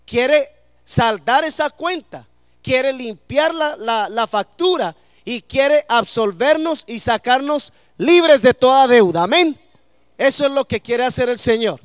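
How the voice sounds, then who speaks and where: A man's voice: very high-pitched, slow, clean tone, dry recording, studio quality. A man preaching a sermon to a congregation in church, asking them questions and letting them answer.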